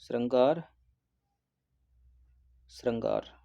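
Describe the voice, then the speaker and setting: A man giving a recorded exam-prep lesson who explains each answer and repeats words slowly, often adding a quick "okay". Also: medium pitch, mellow. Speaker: exam coaching teacher.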